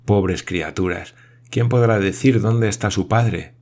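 A man doing a commanding nobleman, deep. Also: slow pace, a little mellow. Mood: reflective.

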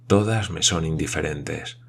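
A man's voice: a bass voice, a little slow, gravelly, a bit bright, breathy edge, heavily acted. A man voicing a sullen, indifferent male boatswain in an audiobook, speaking curtly.

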